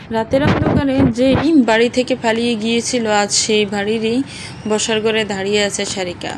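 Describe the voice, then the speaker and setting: A woman's voice: mid-range voice, background noise. A woman reading an audio story aloud, narrating and speaking every character's dialogue in one voice.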